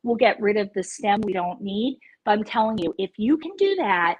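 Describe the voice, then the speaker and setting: A woman's voice: medium pitch, lively intonation, moderate pace, slightly rough, low-quality recording. A woman chef teaching a live virtual cooking class over a video call, chatty and playful in her instructions.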